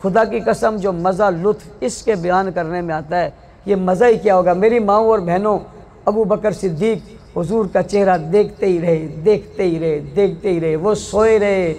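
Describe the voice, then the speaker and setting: A male preacher with a Pakistani Urdu accent, giving an impassioned, rhythmic religious speech to women that rises to shouted, sing-song peaks. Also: high voice, normal speed. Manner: repetitive, rhythmic delivery.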